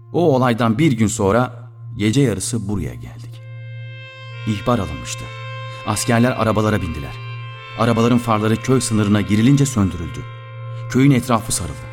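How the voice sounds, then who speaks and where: A man narrating a literary story in the first person, in a somber, reflective way, with soft guitar music behind him. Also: on the low side, expressive, normal speed.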